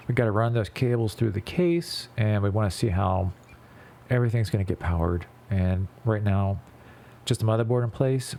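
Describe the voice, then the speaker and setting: A man's voice: lowish voice, gravelly, a little mellow. A man narrating a casual tutorial voice-over, conversational and laid-back, with a congested, blocked nose that he can't breathe through, as if packed with gauze. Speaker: video creator narrating a PC build.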